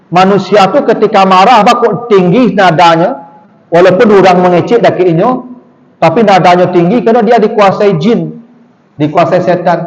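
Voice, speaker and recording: High-voiced preacher in an echoing hall. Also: male voice. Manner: lively, rhetorical, addresses audience directly. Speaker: Islamic preacher. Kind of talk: sermon. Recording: dull, long-reverb hall sound.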